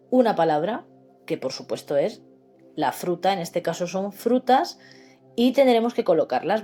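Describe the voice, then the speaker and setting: A woman with a Spanish accent from Spain teaching a slow, patient literacy lesson, spelling words out syllable by syllable. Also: mid-range voice, dark tone. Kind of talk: explaining grammar lesson.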